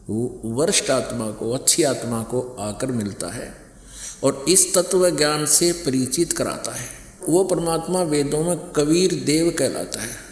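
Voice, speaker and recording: A man's voice: mid-range voice, a little mellow. A man giving a religious discourse, emphatic and repetitive, citing scripture verse by verse. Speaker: spiritual preacher. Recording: echoey hall with long reverb.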